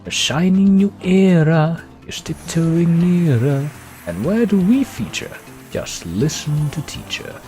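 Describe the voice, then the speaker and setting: A man voicing a scheming male villain lion, singing in a gruff, gravelly voice with drawn-out, theatrical phrasing over faint backing music. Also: on the high side, a little mellow. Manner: sung with drawn-out, theatrical delivery. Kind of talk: karaoke villain song impression.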